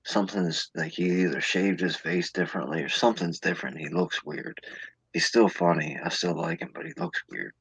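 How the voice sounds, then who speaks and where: Low, gravelly male podcast co-host, husky and dry, rambling and laid-back. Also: expressive, brisk, a bit bright, dry recording, rough recording. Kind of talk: casual chat.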